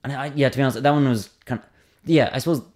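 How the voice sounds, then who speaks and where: A man's voice: mid-range voice, very fast, a little mellow. A man, a stand-up comedian, chatting casually on a podcast in a hesitant, self-deprecating way, often trailing off mid-sentence.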